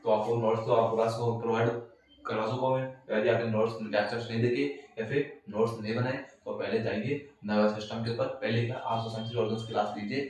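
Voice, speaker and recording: Male teacher at a distance from the mic, lecturing in a boomy room with faint noise, drills points by asking questions. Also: flat delivery, fairly quick, darkish tone, heavy reverb. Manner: repeats points and quizzes listeners with questions. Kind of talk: recorded class lecture.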